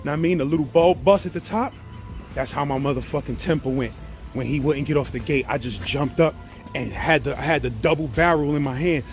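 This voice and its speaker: Man, new york accent, high voice, profane animated storytelling, music behind. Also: a little fast. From Brownsville, Brooklyn, New York. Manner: profane, animated, keeps asking "you feel me". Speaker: guest telling prison stories. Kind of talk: casual storytelling.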